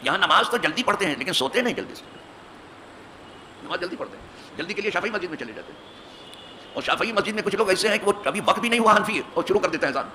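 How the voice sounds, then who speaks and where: Forceful imam preaching. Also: male voice, sits high, lively intonation, long pauses, a little hiss or hum. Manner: emphatic, rhetorical questions, rising to forceful peaks. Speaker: mosque imam giving hadith lesson. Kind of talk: Urdu hadith sermon. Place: mosque, seated at the pulpit.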